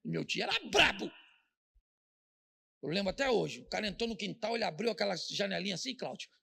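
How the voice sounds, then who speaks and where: A Brazilian pastor delivers a humorous sermon in a high, heavily gravelly voice. He tells stories with a jokey touch, checking in with the crowd through quick rhetorical questions. The fry in his voice never lets up. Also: expressive, bright, forceful tone. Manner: storytelling, jokey, asks the audience rhetorical questions.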